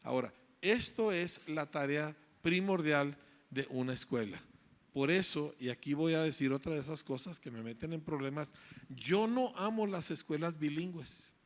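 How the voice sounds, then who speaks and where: Standing at the front of a hall, a man lectures parents and teachers at a normal speed in an emphatic, driving style, his voice somewhat high for a man. He keeps repeating key phrases and checking in with listeners through rhetorical tags, often "¿verdad?"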